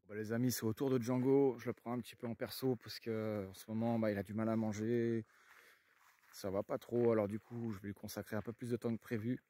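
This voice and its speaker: A man with a French accent chatting casually to viewers in a relaxed way while walking his dogs outdoors. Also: lowish voice, fairly quick. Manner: chatty, relaxed, lots of fillers, shouts to his dog. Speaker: vlogger. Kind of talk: casual vlog chat. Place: outdoors on a country walk, then at his camper.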